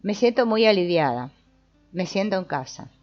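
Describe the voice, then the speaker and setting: A woman giving a calm, measured scripted narration. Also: mid-range voice. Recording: dull lo-fi voice-over with soft guitar music.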